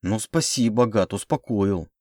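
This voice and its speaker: A sharp-tongued young woman held captive, pleading and biting back with sarcasm, as a man reads her lines. The voice sits low and sounds dry and close. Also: measured pace, dry recording, lightly acted. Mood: sarcastic.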